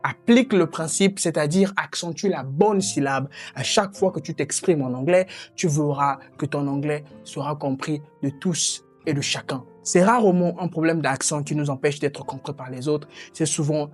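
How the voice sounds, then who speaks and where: A woman's voice: sits low, moderate pace, few pauses, a little mellow, faint music behind. A woman teaching English pronunciation online, talking directly and encouragingly to the viewer.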